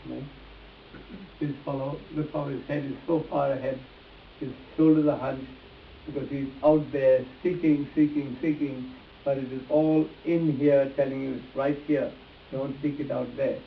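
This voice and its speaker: This man, a face reading instructor, gives a live demonstration and speaks directly to volunteers, emphatic and prone to repeating phrases. His voice is medium in pitch with vocal fry. The sound is distant, echoey, muffled and hissy.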